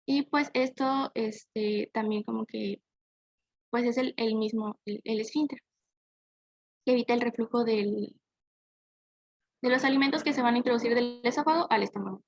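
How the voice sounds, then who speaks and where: A woman's voice: on the high side, moderate pace, pauses often, darkish tone, dry recording. A young woman student giving a class presentation, hesitant, with frequent fillers and self-corrections. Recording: dull lo-fi dry recording.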